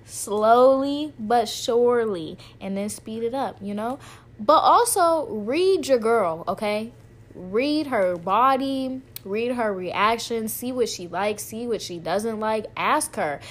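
A woman's voice: fairly high pitch, lively intonation, takes it slowly. A woman co-hosting a casual, frank chat. She talks bluntly, laughs often and stretches out words for emphasis. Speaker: podcast co-host.

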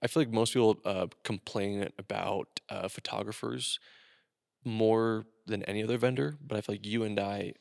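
A man with a low, gravelly voice chats casually as a podcast co-host. He jokes around and rambles with plenty of fillers. The sound is dry and close, with no room echo. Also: steady tone, moderate pace, a little mellow. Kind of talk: casual chat.

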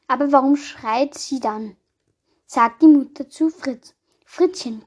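Woman host, high voice, reads joke collections aloud, casual, a few stumbles. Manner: reads jokes with small slips and asides. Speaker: podcast host. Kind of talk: reading jokes aloud.

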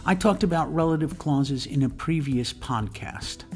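A podcast teacher with a mid-pitched voice gives a scripted grammar lesson. The delivery is slow and didactic, dictating example sentences and naming each punctuation mark as it comes. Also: soft background music. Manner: deliberate, didactic. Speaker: English teacher, podcast host.

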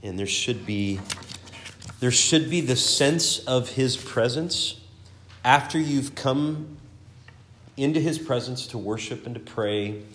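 A man's voice: medium pitch, takes it slowly, pauses often, a bit bright, a little hiss or hum. A man teaching a Sunday school class, reading scripture aloud with earnest emphasis and often repeating words as he searches for phrasing. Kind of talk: Bible teaching.

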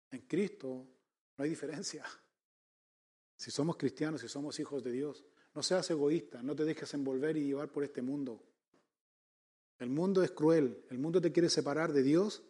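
Pastor chileno de voz algo aguda. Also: male voice, a little high, warm tone. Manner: emphatic, counts numbered points, asks the congregation rhetorical questions. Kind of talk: sermon.

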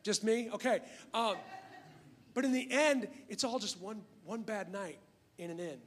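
A man's voice: sits high, unhurried, slight background noise. A middle-aged man giving a sermon as pastor, talking in a conversational way with restarts and asides to the congregation.

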